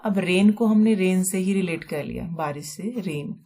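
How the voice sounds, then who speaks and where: A woman teaching vocabulary in a recorded lesson, explaining each word slowly, repeating it and spelling it out letter by letter, mixing English terms into her explanation. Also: fairly low pitch, warm tone.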